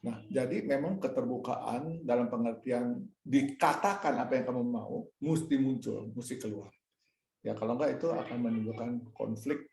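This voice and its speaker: A man's voice: mid-range voice, normal speed, vocal fry, darkish tone, roomy sound. A man speaking at a church fellowship meeting, telling a personal story and acting out the dialogue while answering questions. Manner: storytelling, acts out his own dialogue; addresses listeners as "Saudara". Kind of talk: casual sermon-like talk answering questions.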